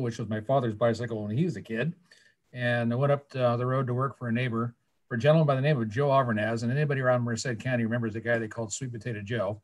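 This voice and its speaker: On a video call, a Californian man in his sixties, appearing as a guest panelist, tells his story casually and plainly, dropping in wry asides. His voice is mid-range, and the audio from his webcam in a small office is poor.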